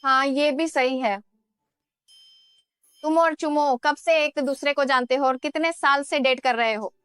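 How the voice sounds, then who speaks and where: A woman's voice: high voice, fairly even intonation, measured pace, fairly bright tone, no echo, soft background music. A woman dubbing the role of a middle-aged mother who suspiciously questions her son's girlfriend. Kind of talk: dubbed drama acting.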